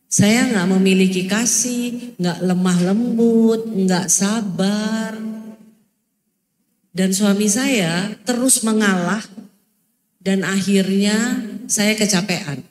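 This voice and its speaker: A middle-aged woman preaching a personal testimony in a church hall, speaking in an earnest, confessional, animated way. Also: mid-range voice, slow pace, long pauses, a little hiss or hum. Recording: echoey long hall reverb.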